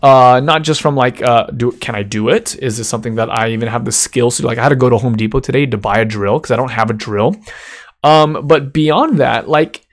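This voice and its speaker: A man's voice: mid-range voice, fairly quick. A man hosting a casual live-stream Q&A from a room at home, talking upbeat and straight to his viewers in the chat. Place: room at home with wall shelving.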